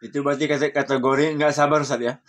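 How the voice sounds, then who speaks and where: A man's voice: fairly high pitch, level tone, quick pace. A man moderating an online religious study session, chatty, asking questions and tagging them with a respectful title. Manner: chatty, asks questions, tags "Ustaz". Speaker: session host.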